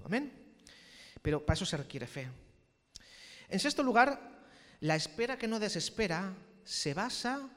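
A man from Spain preaching a sermon as pastor, animated and playful, with shouted peaks. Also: high-pitched, big-room sound. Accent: Spanish from Spain.

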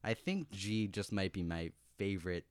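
Deep-voiced man musing about chords. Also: expressive, normal speed, smooth, no echo, clean studio sound. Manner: musing, restarts often while explaining chords. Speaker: podcast co-host. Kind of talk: casual chat.

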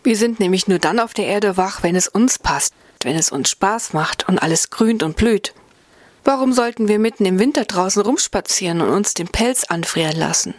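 A woman's voice: medium pitch, expressive, moderate pace, no echo, close to an everyday voice. A cheerful, joking male marmot who loves his food and his fun, telling tall tales with a grin, as a woman reads him in a storybook. His voice sits up close and dry, with no room sound around it. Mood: jovial. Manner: playful, teasing, fond of food and fun. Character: jolly joking male alpine marmot from the Swiss mountains. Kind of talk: storybook reading.

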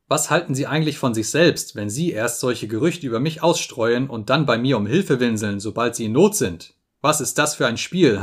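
A man reading an audiobook, voicing a cruel, mocking visitor who taunts a sick man in a sharp tone. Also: medium pitch, lightly acted. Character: sneering sinister male visitor, mocking and cruel.

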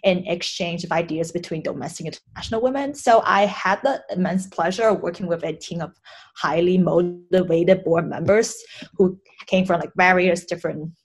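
A young woman from China, a guest in an interview, talking earnestly and a little hesitantly, with many pauses and restarts. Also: lowish voice, breathy edge. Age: young adult. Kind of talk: casual interview.

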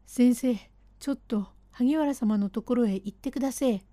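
Nervous Edo servant man, rough old-fashioned speech, pitched up high, put on by a woman reader, dry close sound. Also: normal speed, warm tone, no echo, lightly acted. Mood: urgent. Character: timid, excitable Edo-era manservant, adult man.

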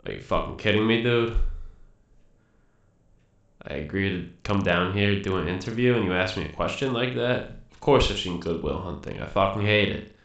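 A gravelly, deep-voiced robot with a thick Boston accent, played by a man, crude and easily irritated. He is recorded in an echoey room that sounds dull and muffled. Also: lively intonation, normal speed, fairly bright tone. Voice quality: gravelly, swearing, drops his R's. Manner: irritable and blunt. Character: crude surly male humanoid robot from Boston, beer-drinking and touchy.

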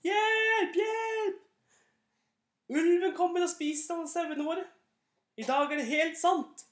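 A woman voicing a mischievous young shepherd boy who yells shrill cries for help in a storybook reading. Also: expressive, natural voice. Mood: yelling. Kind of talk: storybook character voice. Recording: echoey room.

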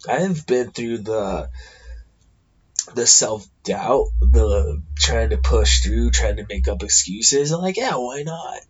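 A man's voice: mid-range voice, lively intonation, slow, a little mellow, husky, muffled recording. An American man with a congested, stuffy nose, hosting a podcast alone in a casual, blunt, sweary ramble. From California, United States. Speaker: podcast host.

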